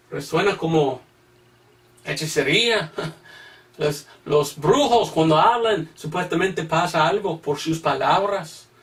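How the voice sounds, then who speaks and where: A man's voice: sits high, fairly bright tone, distant mic. A man, an evangelist missionary, teaching a Bible sermon. He reads scripture references aloud, repeats his phrases and asks emphatic rhetorical questions.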